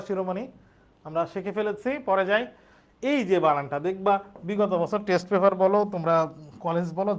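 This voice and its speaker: A man teaching a spelling lesson, explaining step by step and answering his own questions. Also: high-pitched.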